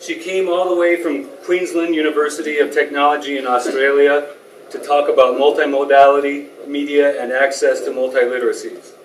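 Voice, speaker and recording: A man's voice: on the high side, flat delivery, brisk, slight background noise. Man giving a formal introduction in an echoey hall. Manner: formal, reads prepared remarks. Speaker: introducer of a speaker. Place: lecture hall. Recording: echoey hall, mic from a distance.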